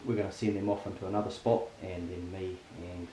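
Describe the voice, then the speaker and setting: A low-pitched, dark-toned man talks fast and steadily in a low-quality recording. With a broad New Zealand accent, he hosts a hunting vlog, chatting casually and matily in laid-back slang. Faint outdoor noise sits in the background.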